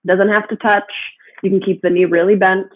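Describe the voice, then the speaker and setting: A woman guiding a gentle yoga class in a soothing, encouraging manner. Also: mid-range voice, level tone, normal speed, phone-quality sound. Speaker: yoga instructor.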